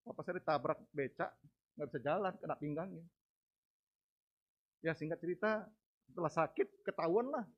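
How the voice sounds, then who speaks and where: A man with a high voice gives a sermon testimony in a church. He tells it dramatically, dropping low and soft and then rising to loud, stretched-out cries. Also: normal speed, long pauses, slightly rough, dull audio. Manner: dramatic, swings from hushed to loud. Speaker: preacher.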